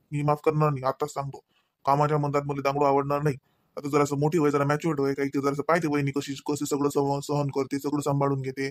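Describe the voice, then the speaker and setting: Guy doing a cranky cartoon husband, rapid-fire lecturing, dry studio. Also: a little high, dry recording, close to an everyday voice. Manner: nagging, lecturing, rapid scolding. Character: scolding husband Ravi, grown man, short-tempered. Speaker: voice actor. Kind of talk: cartoon voice acting.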